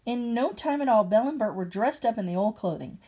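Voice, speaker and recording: A woman's voice: on the high side, lively intonation, fairly quick, mellow. An older woman reading a picture book aloud as a grandmother, breaking off for chatty asides. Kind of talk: storybook read-aloud with asides.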